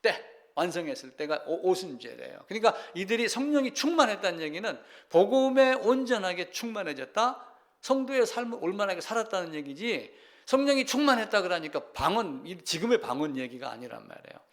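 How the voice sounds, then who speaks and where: A male pastor preaching a sermon in a conversational way, asking the congregation questions and swinging between loud emphasis and quiet asides. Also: high-pitched, very animated, fairly quick.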